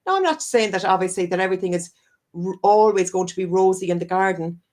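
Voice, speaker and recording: She talks fast in a lowish, slightly mellow voice. An Irish wellness coach on a live-streamed video call interview, she speaks earnestly and at length, rambling and frequently returning to fix her own words.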